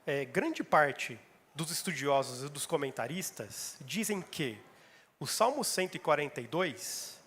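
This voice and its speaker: A man's voice: sits high, a bit bright, in a large hall. A man preaching a sermon as pastor, emphatic and repeating phrases for stress.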